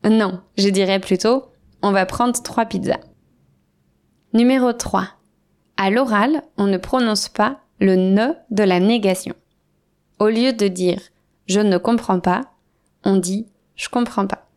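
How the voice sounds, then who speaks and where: A French teacher, a woman, giving a scripted lesson with clear, deliberate explanations and spoken examples. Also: mid-range voice, a little mellow.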